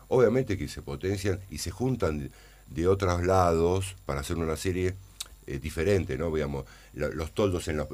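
An Argentine man, an actor in a casual interview, who speaks haltingly and often repeats words while searching for them. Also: extremely low pitch. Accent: Argentine Spanish.

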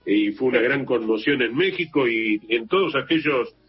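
A man with an Argentine accent hosting a morning radio news show, chatty and relaxed, often repeating and correcting himself. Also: medium pitch, moderate pace, slightly rough, faint music behind. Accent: Argentine Spanish. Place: radio studio. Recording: slightly muffled radio broadcast with faint hiss.

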